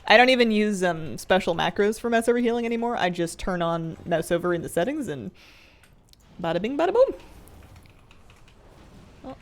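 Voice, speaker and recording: A woman's voice: mid-range voice, expressive, normal speed, long pauses. A woman livestreaming a game, chatting casually and playfully with viewers and musing aloud as she plays. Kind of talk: casual livestream chat with viewers while gaming.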